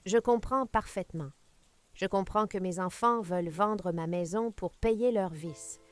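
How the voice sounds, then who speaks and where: A woman voicing an elderly matriarch who speaks hoarsely, in a cold, commanding tone, articulating every syllable. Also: mid-range voice, a little slow, no echo, lightly acted. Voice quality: hoarse, gravelly.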